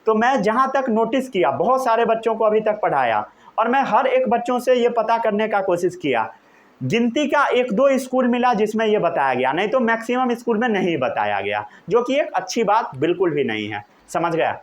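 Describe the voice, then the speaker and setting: A young male teacher lectures to his class. His voice sits high and swings widely in pitch. He keeps checking that his students have understood. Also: moderate pace. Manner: animated, keeps asking "samajh gaye?".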